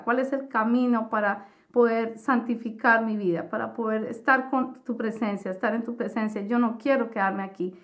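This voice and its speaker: A woman giving a personal religious testimony in an earnest, halting way, with many fillers and restarts. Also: on the high side. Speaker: testimony speaker.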